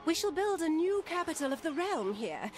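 An actress playing a proud, commanding queen in game dialogue, with a measured, stately delivery. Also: extremely high pitch, big pitch swings. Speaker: game character. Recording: game audio under music.

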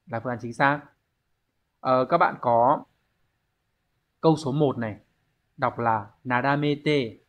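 A man's voice: medium pitch, unhurried, pauses often, a bit bright. A man teaching a language exam review lesson. He explains step by step and keeps checking with the class. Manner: explains step by step, often asks the class to confirm.

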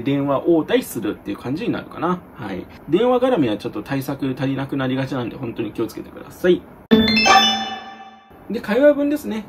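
A man in a tutor's role walks students through exam grammar in a casual, joking way. His voice sits fairly high and swings widely in pitch. A faint hiss stays under his talk. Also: darkish tone. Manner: casual, joking asides, reads English examples slowly. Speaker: exam prep English tutor. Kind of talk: explaining grammar answers to students.

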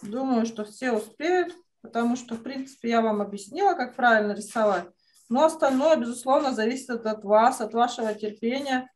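A woman with a slightly high, slightly fast voice leads an online drawing lesson for kids from indoors, heaping encouragement and praise on them. The audio is picked up by her video call microphone.

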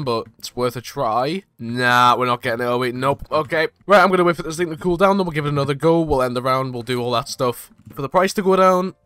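A young man giving chatty live gameplay commentary, excitable and bursting into panicked yells. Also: on the high side, no room sound. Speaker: gaming YouTuber.

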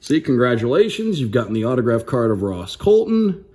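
A man with a warm, mid-range voice speaks briskly in a sing-song way, giving upbeat, casual commentary on an unboxing. Like a radio sports play-by-play broadcaster, he reads names out to his viewers.

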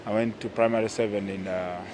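A man's voice: lowish voice, fairly even intonation, a little fast, noisy background. A man in his thirties with a Ugandan accent, a goalkeeper answering interview questions hesitantly with many fillers, outdoors by a pool. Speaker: national team goalkeeper and captain. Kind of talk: casual interview. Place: outdoor poolside terrace. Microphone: handheld mic. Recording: outdoor ambience behind voice.

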